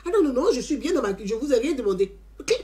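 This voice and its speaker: A woman telling an animated story as a testimony. She talks emphatically, repeats her phrases and often adds "hein". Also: fairly high pitch, fast talker. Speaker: community member giving a testimony.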